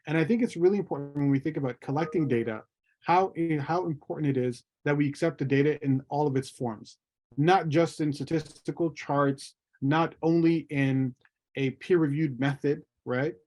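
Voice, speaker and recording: A man's voice: a little high, normal speed, darkish tone. A man from Somalia speaking as a panelist in an online discussion, thoughtful and often repeating words as he starts a point. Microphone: video call.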